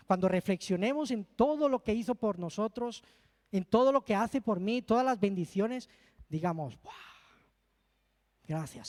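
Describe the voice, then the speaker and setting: A man's voice: sits high, a little mellow. A man preaching a sermon in a church and telling a heartfelt personal testimony. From Spain. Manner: earnest, heartfelt storytelling with emotional asides. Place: church hall. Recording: long reverb of a church hall.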